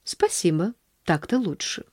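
A woman reading a storybook aloud, voicing a stern, proper middle-aged aunt who talks in slow, clipped, formal commands. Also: fairly low pitch, lively intonation, dry recording, studio quality.

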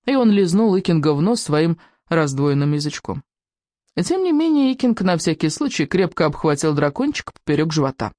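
An expressive reader narrating a children's adventure audiobook. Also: medium pitch, fairly quick, no echo, clean studio sound. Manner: lively, expressive storytelling.

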